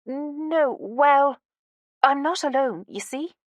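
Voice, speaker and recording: A woman's voice: high voice, animated, slow, dry recording, studio quality, voice pushed up. A woman voicing a confident, glamorous woman who speaks in a charming, breezy way.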